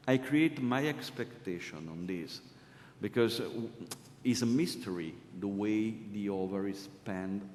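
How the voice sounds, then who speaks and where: A man answering questions as a panelist at a conference discussion, explaining emphatically with frequent hesitations. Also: a little mellow. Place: conference hall. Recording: reverberant conference hall, faint rumble.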